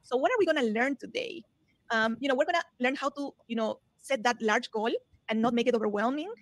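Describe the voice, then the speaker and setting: A woman's voice: a little high, a little fast, dry recording. A woman from Peru giving a webinar presentation on real estate, talking eagerly with many fillers over a computer mic, in a recording that is played sped up.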